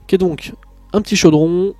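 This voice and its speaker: Man, game tutorial narration, rambling, hesitant, mellow tone, faint music. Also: high voice, fairly even intonation, normal speed, no room sound. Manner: chatty, rambling, with many hesitations and asides. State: tired. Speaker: Minecraft tutorial youtuber.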